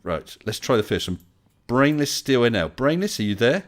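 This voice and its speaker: A man's voice: medium pitch, very animated, normal speed, a crowd in the background. A man hosting a casual live stream, chatting politely and welcoming people as they join.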